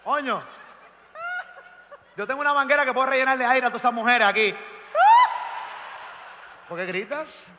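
A man with a Puerto Rican accent doing crude, shouted stand-up comedy on a large arena stage. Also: very high-pitched, normal speed, long pauses, very noisy. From Puerto Rico. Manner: loud, crude, often shouting. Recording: reverberant arena with loud music.

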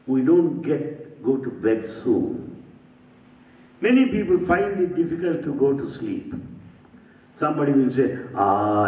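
A man gives a spiritual talk at an unhurried pace, and his fairly high voice rises and falls widely as he repeats his phrases. He sounds distant from the microphone in a roomy temple hall, and the recording is dull. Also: darkish tone. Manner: slow, rhythmic, with repeated phrases and rising and falling emphasis; humorous asides that draw laughter. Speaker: spiritual speaker.

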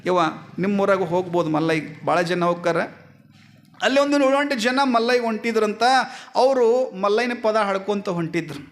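A man, a swami giving a sermon. He tells a story in an animated way, acting out the dialogue and asking the audience questions. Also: sits high, moderate pace. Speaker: swami giving a religious discourse.

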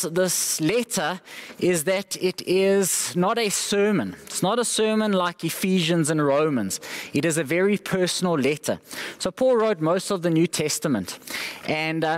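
Young pastor, chatty sermon to a camera, fairly high-pitched man. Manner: conversational, speaks to online viewers with frequent fillers. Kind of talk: livestreamed sermon. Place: large dim church auditorium, empty.

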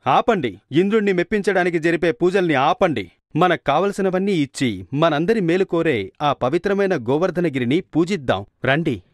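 A man voicing a brave young cowherd hero in a cartoon, calling to his friends with calm authority. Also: a little high, normal speed, no room sound, clean studio sound, close to an everyday voice. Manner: commanding, reassuring calls to friends.

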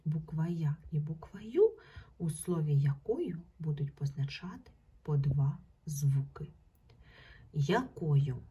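Slow, lively-voiced woman teacher. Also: deep voice, breathy edge. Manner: slowly sounds out single letters and sounds. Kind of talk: primary school language lesson.

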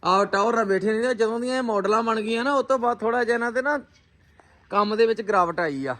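Bright-voiced teasing Punjabi man. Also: sits high, fast. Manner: teasing, playful. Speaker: vlogger. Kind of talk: casual family vlog.

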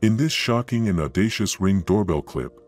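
Male narrator, deep voice, grave nature-documentary storytelling with suspense, faint music underneath. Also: expressive, moderate pace, a little mellow. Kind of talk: dramatic scripted narration of security footage.

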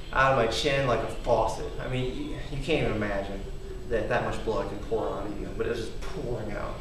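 This man in his thirties, a home fitness vlogger, shows off his homemade gym equipment and tells a story in a rambling, chatty way, repeatedly checking in with "okay?". His medium-pitched voice comes from far off via a camera mic across an echoey, wood-paneled garage at night, with slight background noise.

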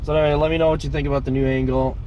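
A man's voice: on the high side, level tone, racing. A man in his thirties chatting casually while driving, rambling with lots of fillers and restarts. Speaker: vlogger. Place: inside a car on the road. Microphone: 360 camera mounted inside the car. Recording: distant, dull car-cam audio with loud road noise. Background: loud car and road noise, fan blowing.

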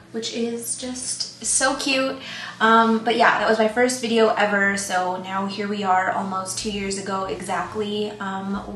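A woman's voice: medium pitch, a bit bright. Young female vlogger, chatty and rambly, recorded at home in a reverberant room. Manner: chatty, rambling, self-deprecating. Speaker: plant YouTuber. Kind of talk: casual vlog talk to camera. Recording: roomy echo, faint ambient noise.

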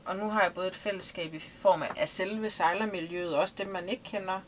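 A woman's voice: medium pitch, steady tone, slight background noise. A woman in her thirties from Denmark, talking casually and thoughtfully in an interview, with many hesitations, seated in a small boat cabin. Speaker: interviewee, liveaboard sailor.

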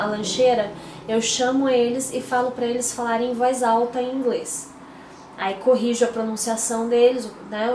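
A woman's voice: fairly high pitch, echoey room, background noise. A Brazilian woman chatting casually to her vlog audience from home, often correcting herself mid-sentence. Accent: Brazilian Portuguese. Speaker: mom vlogger. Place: at home, indoors.

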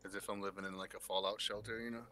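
A man playing a co-op video game with friends, joking casually and shouting when in danger. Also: lowish voice, very fast. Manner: joking, excitable when panicking. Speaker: co-op gaming partner. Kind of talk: casual gaming chat. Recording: noisy background.

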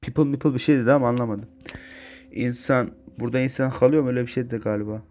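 A man's voice: mid-range voice, fairly even intonation, very fast. Young male gameplay commentator, casual and profane, ordinary mid-range voice. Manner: swears casually, translates game dialogue aloud, yells in panic. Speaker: gameplay streamer. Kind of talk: casual let's-play commentary.

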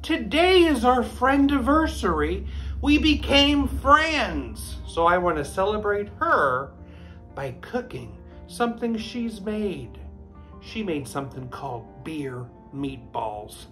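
A man in his thirties hosting a casual home cooking video in his kitchen, with animated, gushing exclamations. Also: sits high, slow pace, faint music behind. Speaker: cooking channel host. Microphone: camera at close range.

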